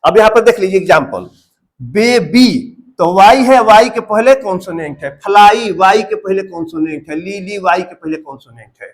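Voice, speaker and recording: High-voiced male teacher explaining step by step. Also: lively intonation, normal speed. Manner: repetitive, asks questions and answers them himself. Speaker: English grammar teacher. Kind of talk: classroom-style grammar lesson.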